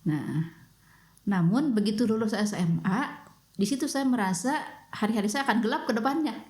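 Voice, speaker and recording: A middle-aged woman from West Java with a Sundanese accent, telling her life story as a podcast guest, reflective and pausing often. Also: on the high side, animated, darkish tone. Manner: reflective, with frequent pauses and fillers.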